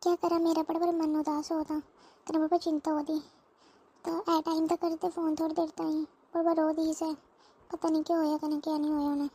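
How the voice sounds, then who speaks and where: Lady voicing a worried old cartoon mom, rambles and frets, high flat voice. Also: a little fast, slight background noise. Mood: fretting. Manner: fretful, rambling, pleading. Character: worried older mother-in-law, anxious and fretting. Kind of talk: cartoon voice acting.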